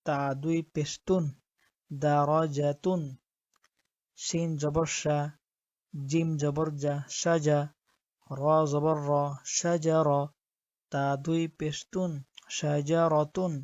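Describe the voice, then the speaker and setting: A man teaching Quran reading, spelling out letters and syllables slowly and deliberately, one at a time. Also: fairly high pitch, flat delivery, darkish tone, no echo, highs cut off. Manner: slow, deliberate letter-by-letter drilling. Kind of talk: slow spelling-out lesson.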